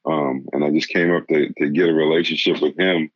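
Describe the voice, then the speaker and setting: A man from the area, telling a story in casual conversation, halting with many restarts and laughing now and then. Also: rumbling low, fairly even intonation, no room sound. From Boston area, Massachusetts. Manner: laughs while telling stories. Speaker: interviewee. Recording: dull lo-fi sound.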